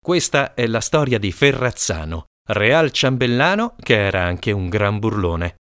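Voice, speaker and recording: A man narrating a comic folk tale in an animated storytelling manner. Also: on the low side, measured pace, clean tone, dry recording, studio quality. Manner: lively, animated storytelling with character voices.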